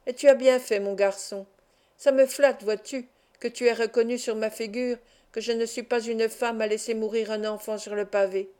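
Femme jouant une brave marchande âgée. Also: female voice, a little high, fairly even intonation, normal speed, a little mellow, close to an everyday voice. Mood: chaleureux. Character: kind older market woman, warm and proud.

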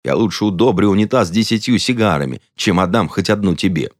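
A man's voice: deep voice, lively intonation, brisk, no echo, clean studio sound. A man voicing a grumpy older stoker who bickers and blusters. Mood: bristling.

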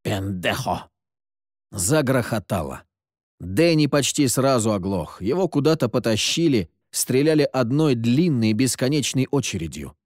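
A man with a mid-range voice narrates an audiobook in scripted, steady, even storytelling at normal speed. The recording is dry and studio quality.

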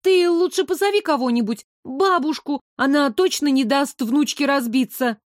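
A woman reading an audiobook, voicing a frightened, sharp-tongued young woman who wails and snaps in a high-strung way. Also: normal speed, dry recording, clean studio sound, natural voice. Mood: frightened, snappy. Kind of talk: audiobook character voice.

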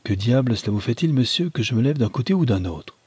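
A blunt, hot-headed young countryman, voiced by a male reader, curt and quick to threaten. The voice is husky and dark, recorded dry and close. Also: medium pitch, lively intonation, dry recording. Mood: angry, blunt. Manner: curt and angry.

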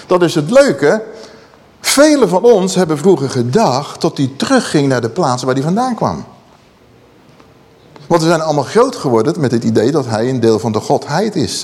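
A man preaching a sermon, animated and asking his listeners questions. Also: on the high side. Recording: long hall reverb.

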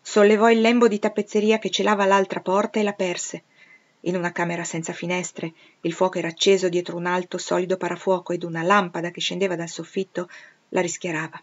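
A woman reading a novel aloud in a steady, expressive narrating voice. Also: lowish voice, brisk. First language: Italian. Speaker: audiobook reader. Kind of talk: literary reading. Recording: dull lo-fi recording.

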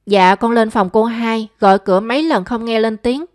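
A woman's voice: a little high, moderate pace, darkish tone, no room sound, natural voice. A timid young housemaid from an audio storybook, meek and polite, as a woman narrator puts her on. She answers in a deferential, flustered way. The recording is close and dry.

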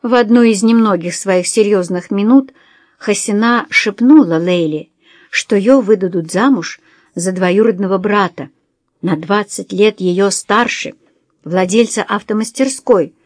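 A woman reads a novel aloud in calm, even narration. The recording is dry and close, with no room sound, and her pitch sits in an ordinary middle range. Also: measured pace, no room sound. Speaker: audiobook narrator. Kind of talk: scripted narration.

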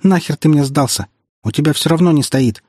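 Man voicing a sharp-tongued redheaded teen girl, raised pitch, husky, taunting, audiobook. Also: animated, fairly quick, dry recording, studio quality. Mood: mocking. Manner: taunting, scornful. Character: feisty red-haired teenage girl, mocking and sharp.

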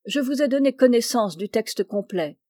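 A woman's voice: fairly high pitch, animated, normal speed, darkish tone, dry recording, natural voice. A woman voicing a stern middle-aged male maritime official who lectures with precise, impatient authority, recorded close and dry. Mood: explaining.

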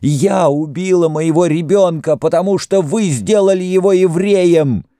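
A man's voice: drawn-out words, warm tone, dry recording, studio quality, full character voice. A man reading an audiobook, voicing a grief-maddened young mother who screams and wails. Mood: frantic confession. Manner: screaming, sobbing, raised to a shrill cry.

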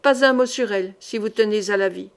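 A woman voicing a tormented, ambitious medieval duke in an audiobook, speaking in a low, grim mutter. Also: a little fast, close to an everyday voice. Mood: brooding. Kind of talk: audiobook character reading.

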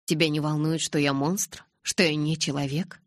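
A woman's voice: deep voice, fairly even intonation, moderate pace, no room sound, clean studio sound, natural voice. A woman reading Edward, a cold young vampire. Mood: cold, ironic. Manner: cold, detached, ironic.

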